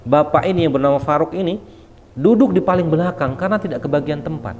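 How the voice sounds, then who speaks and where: A man's voice: a little high, fast, lo-fi sound. Man preaching a storytelling sermon, music behind. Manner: lively, asks the audience questions.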